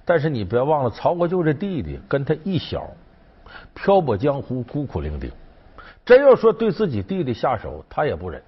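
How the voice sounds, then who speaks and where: A man's voice: mid-range voice, wildly swooping pitch, normal speed, slightly rough. A man telling a folk legend in a chatty, colloquial storytelling style with folksy asides. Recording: dull lo-fi sound.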